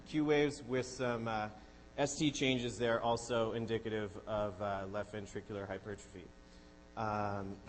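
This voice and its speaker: A man reading out findings hesitantly, with many ums and frequent throat clearing. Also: medium pitch, big-room sound, slight background noise. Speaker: medical student presenter. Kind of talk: class case presentation.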